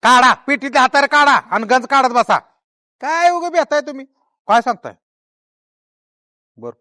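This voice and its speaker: A man's voice: very high voice, animated, normal speed, sharp tone, no echo, studio quality, heavily acted. A man with a Konkan Marathi accent playing a boastful, defensive village man in a comic web series.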